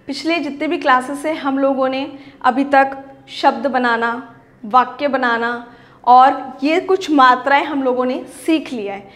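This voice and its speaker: Woman teacher, high voice, patient, slow drawn-out word drills, roomy echo. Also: fairly bright tone. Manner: patient, repeats "ठीक है?" with a rising lift. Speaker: primary school Hindi teacher. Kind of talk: online class lesson. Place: home or classroom recording for online class.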